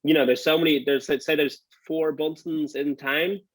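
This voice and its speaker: A man's voice: on the high side, fairly even intonation, moderate pace, no room sound. A man with a Dublin accent giving casual interview answers, rambling as he thinks aloud. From Dublin, Ireland. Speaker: interview guest, restaurant owner.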